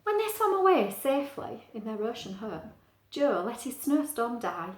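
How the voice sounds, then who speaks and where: Reading a picture book to little kids, this woman sounds very animated, with a fairly high voice at a moderate pace. She keeps explanations simple and adds chatty asides. There's slight background noise, and the room gives an echoey sound.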